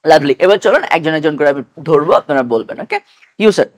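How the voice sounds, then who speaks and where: A man teaching English pronunciation to a class, drilling letters slowly and patiently for students to repeat. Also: fairly high pitch, animated. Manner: slow, patient, repeats each sound for students to echo.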